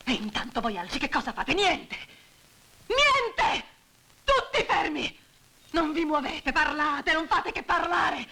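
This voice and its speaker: An actress playing a frightened, furious young widow in a dubbed film drama, shouting in anguish and then trembling with tears. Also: female voice, sits high, normal speed, creaky, exaggerated voice. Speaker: widow of a murdered man.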